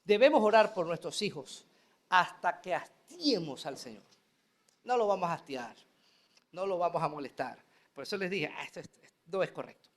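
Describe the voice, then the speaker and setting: Animated pastor preaching. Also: male voice, sits high, moderate pace. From Venezuela. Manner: animated preaching, acting out prayers and dialogue. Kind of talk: sermon.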